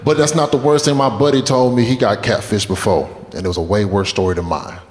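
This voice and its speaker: His voice on the low side and fairly even in intonation, a late-twenties stand-up comic talks fast through loose, foul-mouthed stories and back-and-forth with the audience. Laughter rises from the crowd, and the club echoes with long reverb.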